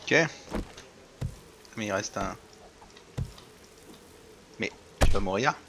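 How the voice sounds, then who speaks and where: A man with a lowish voice plays a survival game as a let's play host, commenting casually, muttering to himself, and talking to viewers in a chatty way. He speaks slowly, and the recording is very noisy.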